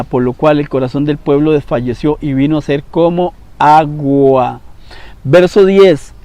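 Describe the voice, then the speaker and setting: A man in his fifties preaching a devotional Bible lesson, his voice swinging from bursts of emphasis to quiet asides. His voice sits fairly high but sounds mellow and warm. The recording is dry and close. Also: dry recording. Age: 50s. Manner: animated, shifting between loud emphasis and quiet asides.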